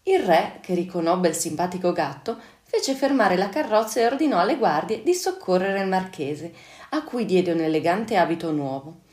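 A woman teacher reading a children's fairy tale on radio, clear and unhurried. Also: fairly low pitch, lively intonation, darkish tone. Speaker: storyteller, teacher. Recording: echoey room.

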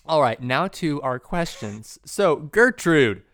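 A man's voice: fairly high pitch, very animated, slow pace, a bit bright, dry recording. A man hosting a casual podcast chat over a video call, upbeat and laughing often. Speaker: podcast host.

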